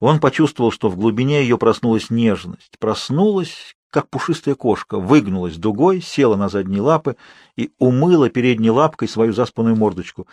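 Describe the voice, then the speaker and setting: A man narrating a novel as an audiobook reader, in a measured, dryly ironic manner. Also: mid-range voice, expressive, a little mellow, dry recording. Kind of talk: scripted narration.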